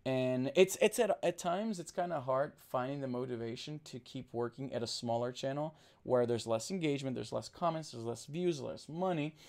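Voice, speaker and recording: Speaking slowly on purpose, a habit trained for camera, this Brazilian man whose first language is Portuguese rambles through a casual livestream, reading chat messages aloud amid fillers and restarts. His voice is medium-pitched and a little mellow.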